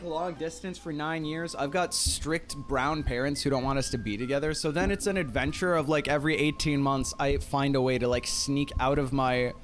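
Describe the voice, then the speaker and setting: A young man in his twenties hosts a relaxed livestream, chatting with playful, teasing remarks. Faint music plays in the background. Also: medium pitch. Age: 20s. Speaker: streamer, host. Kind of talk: casual livestream chat.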